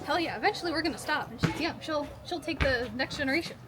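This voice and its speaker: A woman's voice: high-pitched, fast. An American woman competitor chatting casually in a post-game interview.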